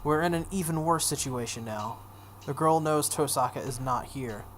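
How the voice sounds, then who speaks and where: Speaking at a normal speed in a deep voice, a woman runs a video game playthrough, expressively voicing a visual novel while dropping casual offhand comments. Some background noise can be heard.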